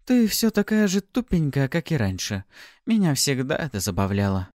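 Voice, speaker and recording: A man's voice: mid-range voice, very animated, normal speed, darkish tone, no echo, studio quality, voice pushed up, lightly acted. A man voicing a sly, possessive female succubus with a mocking, playful manner in an audiobook. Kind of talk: audiobook character voice.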